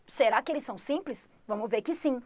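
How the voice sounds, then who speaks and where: A woman with a Goiás Brazilian Portuguese accent teaches an online English lesson in a fairly high voice. She talks straight to her students and keeps repeating the key words. The sound is dry and close. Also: brisk, darkish tone, dry recording.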